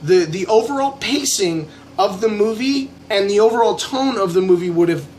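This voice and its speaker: Drunk, higher-voiced man ranting over noise. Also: animated, moderate pace, darkish tone. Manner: drunk, rambling with repeated false starts; emphatic, blunt, frequent swearing. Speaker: amateur film reviewer. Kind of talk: casual opinionated video review.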